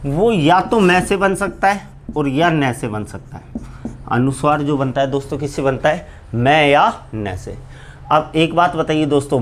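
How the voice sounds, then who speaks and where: A man with a somewhat high voice teaches Hindi grammar to exam students in a live online class. He keeps asking questions aloud and answering them himself. His answers come out lower and slower than his questions. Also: slight background noise. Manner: keeps repeating "friends" to address students; drops low and slow on each answer.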